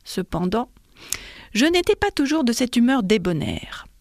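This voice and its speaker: A woman reading a classic story aloud in a measured, expressive way. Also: fairly high pitch, no room sound, clean studio sound. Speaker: audiobook reader. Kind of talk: scripted narration of a classic novella.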